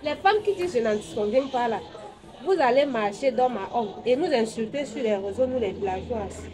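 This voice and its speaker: Defiant woman, high voice, proud and animated, crowd noise behind. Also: normal speed. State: pregnant. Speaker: guest, newly married woman. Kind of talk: casual chat.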